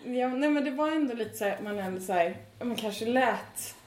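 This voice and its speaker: A woman chatting casually as a podcast co-host, listening attentively, asking questions and agreeing quickly. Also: fairly high pitch. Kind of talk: casual chat. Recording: echoey room.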